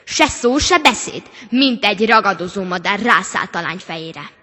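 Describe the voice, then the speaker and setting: A woman reading a fairy tale aloud at a family church service, with expressive, dramatic delivery. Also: medium pitch, long reverb tail.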